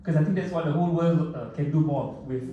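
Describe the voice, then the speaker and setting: A man's voice: fairly high pitch, fast talker, lo-fi sound, very noisy. A man, an international lawyer, giving a friendly short speech with fillers and laughs. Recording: roomy hall from far off.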